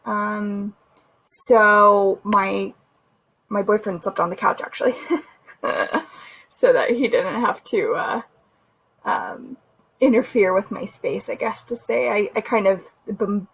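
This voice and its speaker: A woman's voice: mid-range voice, takes it slowly, gravelly, a bit bright, breathy edge, rough recording. A young woman vlogging casually about her recovery, chatty with lots of fillers, sore and a little short of breath. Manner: chatty, many fillers and restarts. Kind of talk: casual recovery vlog chat.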